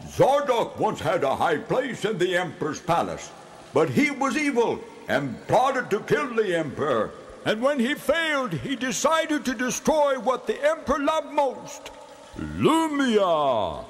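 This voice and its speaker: High-pitched bellowing cartoon beast. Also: male voice, wildly swooping pitch, measured pace, exaggerated voice. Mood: grave, remembering. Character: former magistrate turned big cave beast, grand and kindly. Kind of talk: children's audio drama acting.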